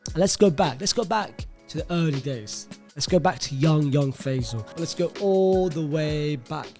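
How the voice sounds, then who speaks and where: A man from Iraq talks casually to camera for his own channel. His voice sits fairly high, and his delivery is animated and slangy, with "bro" thrown in often and words doubled up for emphasis. Faint music plays underneath. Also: normal speed. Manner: restarts and repeats words for emphasis. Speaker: YouTuber.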